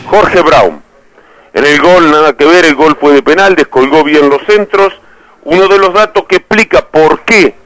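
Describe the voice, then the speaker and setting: A man's voice: fairly high pitch, a bit bright, low-quality recording. A man with an Argentine accent giving conversational, rambling football player ratings on radio. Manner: conversational, rambling, self-correcting. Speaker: football analyst.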